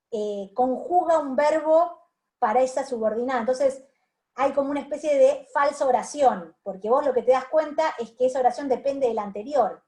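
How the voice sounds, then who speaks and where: A woman lecturer with a Rioplatense Spanish accent speaks in a somewhat high voice. She explains corrections patiently but hesitantly, with frequent fillers and restarts. It sounds like a video call. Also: mellow. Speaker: university lecturer. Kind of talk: online class feedback.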